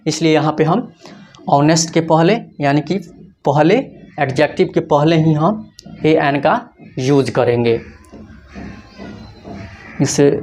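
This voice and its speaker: In a Hindi grammar lecture, a teacher with a medium-pitched, somewhat dark voice asks rhetorical questions and answers them himself. He goes through each rule step by step, repeating it as he goes.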